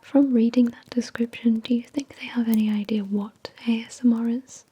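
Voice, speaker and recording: A woman hosting an ASMR product review in a soft, breathy whisper, with an unhurried, measured delivery. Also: fairly high pitch, steady tone. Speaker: ASMR video host.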